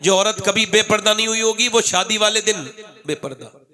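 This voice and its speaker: A man delivers a fiery sermon in a very high, sharp voice with a gravelly grain. He exhorts his listeners, repeating questions and calling on them to respond. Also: level tone, brisk. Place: religious gathering, through a PA.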